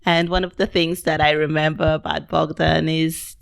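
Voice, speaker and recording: A woman hosting a podcast, introducing her guest and asking questions in a measured, clear manner. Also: deep voice, little pitch movement, no room sound, clean studio sound. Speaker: podcast host.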